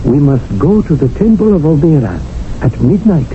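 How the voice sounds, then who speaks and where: Sing-song and fairly high in pitch, a male actor speaks at a normal speed as a scheming, wry manservant who is also the narrator. The style is ornate, sly and theatrical, like 1970s radio drama. A little hiss or hum sits under the tinny old broadcast sound and its music.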